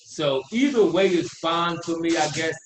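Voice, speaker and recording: A man with a slightly high voice talks sports in a casual, animated way, laughing easily and pressing his points with energy. His voice bounces around an echoey room, as if heard over a remote call. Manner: animated, quick to laugh, heated when arguing. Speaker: podcast co-host.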